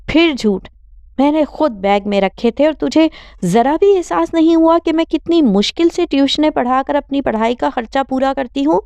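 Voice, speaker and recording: A woman's voice: a little high, expressive, a little mellow, clean tone, no room sound. A woman voicing a hard-working young woman student, an older sister who accuses in a heated way. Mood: angry.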